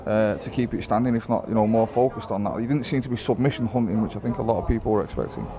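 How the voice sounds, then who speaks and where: Backstage at a large arena, a male interviewer asks informal, conversational questions about sport. He speaks fast in a lowish voice, with crowd noise audible in the recording.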